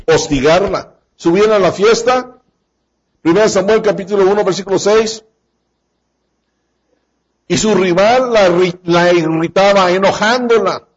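A man delivers a sermon in a fairly high voice. He speaks straight to his listeners and acts out the lines he quotes. The recording sounds dull and lo-fi. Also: unhurried, pauses often, slightly rough. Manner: addresses the congregation directly. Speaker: preacher.

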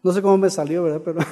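A man preaching a sermon in Spanish with a Mexican accent, telling jokes and reading scripture aloud with rising force. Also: high voice. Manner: animated, shouts in jokes, reads scripture loudly. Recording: long hall reverb.

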